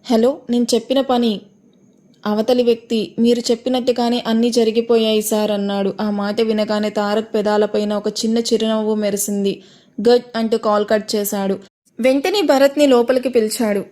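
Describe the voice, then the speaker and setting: Brief: higher-pitched woman, storyteller reading a serialized romance aloud, one voice for all the characters. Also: fairly even intonation, moderate pace, dark tone. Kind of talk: scripted audio-story narration.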